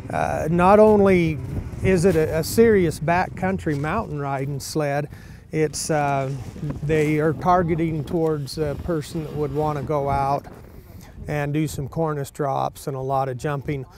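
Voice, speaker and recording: A man, a mountain test rider, giving a casual halting review outdoors in the snow. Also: fairly high pitch, fairly even intonation, a little mellow, slight background noise. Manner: hesitant, lots of uh fillers. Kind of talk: casual review talk to camera. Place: outdoors in snow at a sled event.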